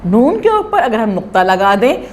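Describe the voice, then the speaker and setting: Woman, children's teacher, fairly high voice, lively and slow, faint hiss behind. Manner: drawn-out, sounded-out words for children. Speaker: primary school Urdu teacher. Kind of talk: children's lesson, slow and expressive.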